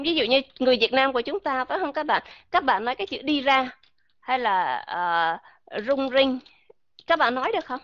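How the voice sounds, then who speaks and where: Woman teacher going over pronunciation online, kinda high voice, dull dry voice chat audio. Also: a bit bright, no echo. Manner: patient, repeats sounds slowly to demonstrate. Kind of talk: live online pronunciation lesson.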